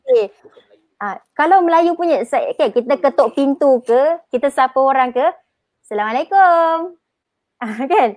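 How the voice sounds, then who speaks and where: A woman's voice: sits high, darkish tone, no echo. Chatty Malaysian woman teaching Arabic. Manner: chatty, draws out example words slowly. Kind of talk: live online lesson.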